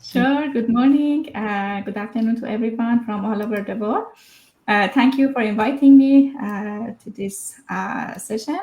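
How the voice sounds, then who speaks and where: A woman's voice: fairly high pitch, measured pace, warm tone, reverberant, dull audio. A woman in her thirties from Iran, a guest telling her story over a video call, hesitant with many fillers. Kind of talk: online interview.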